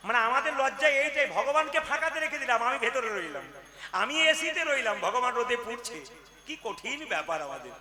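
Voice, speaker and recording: A man leading a devotional kirtan gathering, preaching and calling the crowd to chant with him, coaxing them louder with playful asides. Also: very high-pitched, big pitch swings, brisk. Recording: live music with tabla behind.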